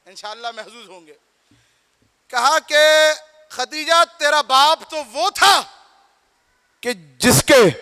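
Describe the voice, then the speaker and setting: A male preacher with a strikingly high voice delivers a fervent sermon. He repeats phrases in a rhythmic build and calls on his listeners to pay attention. His voice rings through the long reverb of a large congregation hall. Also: pushed and bright, clean tone. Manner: impassioned oratory with rhythmic repetition, calls the audience to attention. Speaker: religious preacher. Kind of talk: mourning-gathering sermon.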